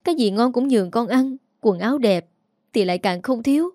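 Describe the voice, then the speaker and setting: A wounded young man with a Southern Vietnamese accent, earnest and pleading on the edge of tears, as a woman reading a story voices him. The sound is warm, mellow and dry. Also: on the high side, lively intonation, brisk, no echo, close to an everyday voice. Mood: tearful pleading. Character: young adult orphan son, hurt and pleading.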